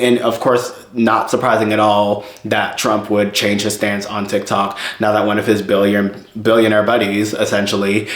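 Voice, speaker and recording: A man's voice: on the low side, reverberant. A man in his twenties giving casual commentary as a channel host, chatty, with lots of fillers and repeated words. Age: 20s.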